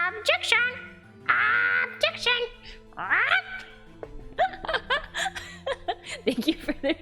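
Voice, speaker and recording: A woman live-streaming a game, chatting with viewers in a playful, giggly way. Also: a little high. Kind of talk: live stream chat with game dialogue read aloud.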